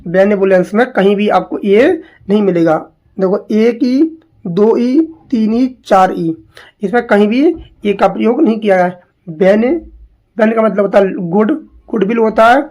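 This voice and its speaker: A woman teaching English spellings to exam students, repeating each word slowly and asking questions as she goes. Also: mid-range voice, a little mellow. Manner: slow, drilling, repeats words and asks questions.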